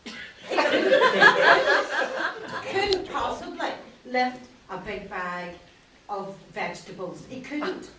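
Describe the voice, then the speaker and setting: A woman's voice: medium pitch, big pitch swings, unhurried. A woman playing an indignant, doting mother in a comic courtroom sketch, rambling in a folksy, protesting way. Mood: exasperated. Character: indignant, doting working-class mother as defence witness. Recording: distant echoey room with faint noise.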